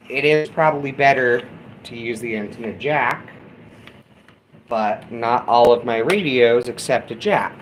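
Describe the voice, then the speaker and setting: Chatting with his audience as if they were friends, a man shows off equipment in an easygoing hands-on demo. He has a lowish, fairly bright voice, and the poor audio includes obvious background noise.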